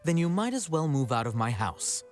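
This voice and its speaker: A man's voice: on the high side, big pitch swings, normal speed, faint music behind. An actor playing a cool, sardonic young male scribe in a video game, dry and teasing.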